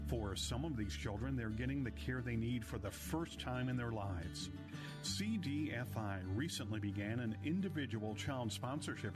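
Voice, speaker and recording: A man reading a scripted public service announcement in a measured, earnest way. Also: mid-range voice.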